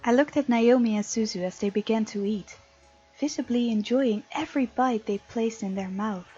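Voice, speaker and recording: A woman hosts a let's play of a visual novel, reading the game's text aloud and commenting on it. Her voice is on the high side, mellow with a breathy edge, at normal speed. The lo-fi mic sounds dull, with game music playing underneath.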